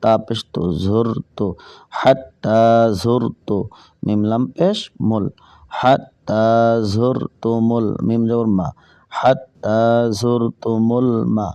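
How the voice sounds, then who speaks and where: A man with a mid-range, mellow, clean voice and fairly even intonation teaches Quran reading in a recording with no echo. He patiently drills learners slowly, spelling out each word letter by letter, then recites the verse melodically.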